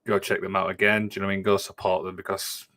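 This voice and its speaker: A man's voice: low voice, level tone, racing, sharp tone. A man hosting a casual wrestling podcast chat, often saying "obviously" and "and stuff like that". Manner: says "obviously" and "and stuff like that" a lot. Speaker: podcast host.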